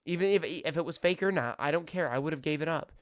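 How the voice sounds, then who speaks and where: A man's voice: on the high side, fast, clear, resonant tone. Young man reacting with incredulous slang. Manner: incredulous, swearing, slangy banter. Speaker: streamer reacting to a video. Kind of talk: casual reaction commentary.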